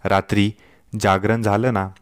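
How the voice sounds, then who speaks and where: A man's voice: lowish voice, level tone, unhurried, clean tone, dry recording, clean studio sound, lightly acted. A man doing a joking young husband. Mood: jokey. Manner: jokey, reassuring. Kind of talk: storytelling dialogue.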